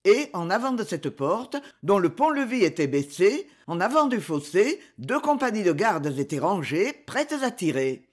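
An audiobook narrator reads a dramatic novel in an expressive storytelling manner. The pitch rises and falls a great deal, which keeps the reading animated. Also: moderate pace, hardly any pauses.

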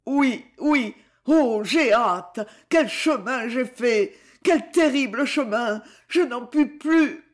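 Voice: mid-range voice, very animated, takes it slowly. A reader voicing a dying young man in an audiobook, who talks in trembling, breathless pleading. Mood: feverish pleading. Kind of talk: audiobook character reading.

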